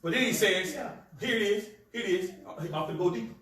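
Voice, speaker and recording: A man a call-and-response sermon as a bishop, repeating phrases, laughing and building to shouts. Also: sits high, brisk, a crowd in the background. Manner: repetitive, builds to shouting, laughs while preaching. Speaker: bishop preaching. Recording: echoey church, far from the mic. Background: congregation responding.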